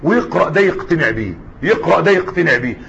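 Fast-talking Egyptian man lecturing. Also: a little high, lively intonation, vocal fry, a bit bright, a little hiss or hum. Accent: Egyptian Arabic. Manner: switches between classical Arabic and colloquial, asks the class questions. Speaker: teacher of Islamic jurisprudence. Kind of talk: classroom lecture. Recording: dull lo-fi lecture recording.

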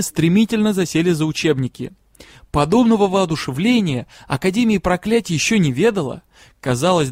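A man narrating a first-person fantasy story in a measured, quiet storytelling manner. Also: fairly high pitch, dry recording, studio quality. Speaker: audiobook reader.

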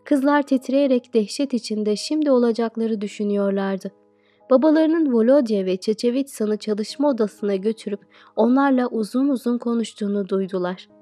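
Woman audiobook narrator, higher voice, dry close sound, faint music behind. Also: normal speed, dark tone, dry recording. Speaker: teacher reading an audiobook.

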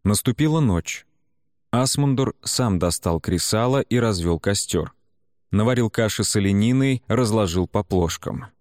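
A man narrating an audiobook in a measured, even storytelling manner. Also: lowish voice, dry recording, studio quality.

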